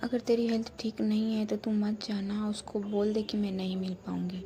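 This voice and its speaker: A woman's voice: medium pitch, little pitch movement, moderate pace, warm tone, slight background noise, close to an everyday voice. A woman voicing a young female best friend who is teasing and protective. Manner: pushy, teasing.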